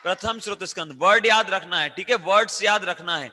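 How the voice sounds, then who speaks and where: A man with a high, piercing voice teaches a children's class, asking questions again and again and pushing the kids to answer louder. His voice rings through a hall with a long, echoing reverb. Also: brisk. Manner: loud, coaxing, quizzing children with call-and-response questions.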